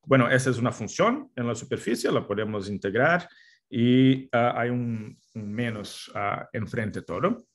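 Man, non-native accent in Spanish, medium pitch, academic online lecture, hesitant, searching for words. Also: animated, a little slow. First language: not Spanish. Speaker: guest lecturer, mathematics professor. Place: indoor room, video call.

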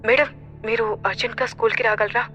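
A woman's voice: fairly high pitch, steady tone, brisk, muffled recording, soft background music, lightly acted. A woman voicing a defensive, arrogant female schoolteacher in an audio drama. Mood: flustered. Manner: flustered then haughty.

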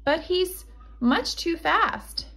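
A woman voicing a young girl skater, eager and fretful, in a high girlish voice while reading a storybook aloud. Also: expressive, very slow, vocal fry, fairly bright tone, full character voice.

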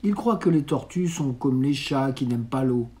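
A man reading aloud, voicing a cautious, reassuring young boy in a calm, measured tone. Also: mid-range voice, natural voice.

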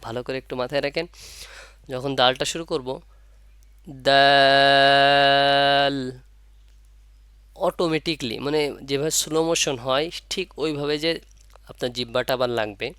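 A man teaching Arabic letter pronunciation, repeating sounds slowly and asking and answering his own questions. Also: medium pitch, fairly bright tone, no echo. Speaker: Quran reading teacher. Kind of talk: step-by-step pronunciation lesson.

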